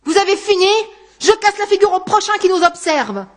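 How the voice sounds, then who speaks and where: Woman doing an outraged, shouting man in an audiobook. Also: extremely high pitch, animated, moderate pace, pitched above the performer's own voice. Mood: indignant. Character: indignant, explosive middle-aged man.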